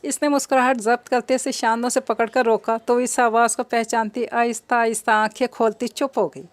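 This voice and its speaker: Woman narrator reading a novel aloud, even and steady, slightly high voice, dry close sound. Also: normal speed, no room sound.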